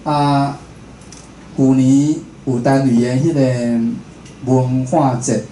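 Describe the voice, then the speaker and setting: His words are drawn out, his intonation fairly even, and his medium-pitched voice warm. The speaker is a Taiwanese radio host giving an informal, conversational talk to a live audience at an indoor venue, recorded in an echoey room with clear background noise.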